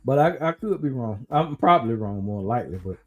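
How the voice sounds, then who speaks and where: A man hosting a casual podcast chat, rambling and thinking out loud as he talks. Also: medium pitch, brisk, lo-fi sound, soft background music. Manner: relaxed, rambling, talks through his uncertainty. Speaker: podcast host.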